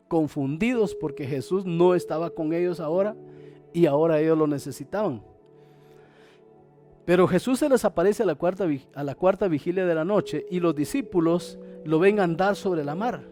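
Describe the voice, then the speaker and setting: Male pastor, middle-aged, high voice, dramatic sermon delivery with faint music underneath. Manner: dramatic, acts out quoted voices, swings loud and soft.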